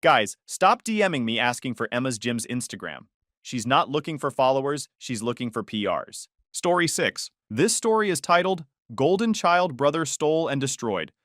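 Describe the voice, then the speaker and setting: In a steady scripted read at a moderate pace, a man narrates stories told in the first person, with his pitch moving lively up and down on each line. The sound is close-miked and dry, with no room ambience at all.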